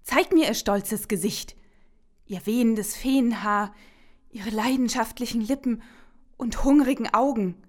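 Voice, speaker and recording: A woman giving a dramatic poetry recitation, slow and theatrical, with emotionally charged delivery. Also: fairly high pitch, darkish tone.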